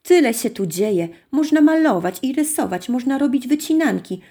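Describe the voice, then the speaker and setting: A woman narrating a children's story in an expressive, sing-song manner. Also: high voice, moderate pace, husky.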